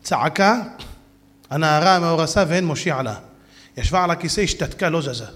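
Animated, high-voiced Hebrew preacher. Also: male voice, big-room sound. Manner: animated storyteller who acts out quotes, often shouting. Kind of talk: sermon with stories.

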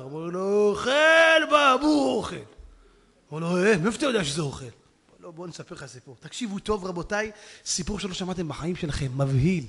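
A man preaching a storytelling sermon, swinging between hushed tones and loud shouting. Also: fairly high pitch, husky. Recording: long hall reverb.

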